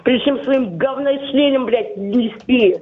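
A woman's voice: a little high, a little slow, a crowd in the background. Furious swearing woman on the phone. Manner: aggressive, swearing, threatening. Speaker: prank call target. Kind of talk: heated phone argument. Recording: tinny phone line.

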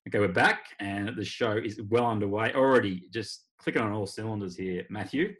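A man's voice: fairly low pitch, a little fast, fairly bright tone, a little hiss or hum. An Australian man hosting a casual sports podcast, talking in a wry, rambling way. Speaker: podcast host. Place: remote video call.

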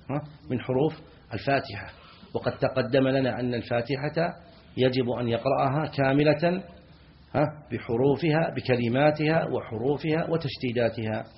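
A man teaching as a scholar. He reads a line of the text slowly, then explains it, asks the students short questions and repeats key words for emphasis. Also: mid-range voice, lo-fi sound, a little hiss or hum. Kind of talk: classroom lesson explaining a text.

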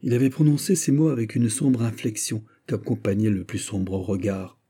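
A man narrating a classic novel in an even, unhurried reading. His voice is low and very dark, with a husky texture. The delivery is steady, literary storytelling. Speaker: audiobook narrator.

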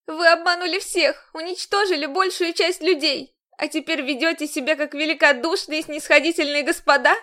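A woman's voice: high-pitched, normal speed, a bit bright, voice pushed up. A woman reading an audiobook, voicing a frightened but defiant young woman fugitive who talks in a tearful, pleading way.

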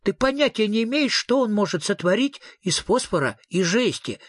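A lively young girl exclaims with excitement in a raised, bright register, as a man reading an audiobook puts her on. The voice is husky and close, with a dry sound. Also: sits high, moderate pace, dry recording, voice pushed up. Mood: excited.

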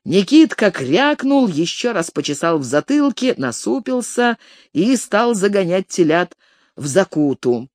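An expressive narrator reading literary prose, the voice rising and falling in a lively way. The sound is close and dry, with no room in it. Delivery is steady and measured. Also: medium pitch, no room sound. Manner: expressive, varied intonation. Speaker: audiobook narrator.

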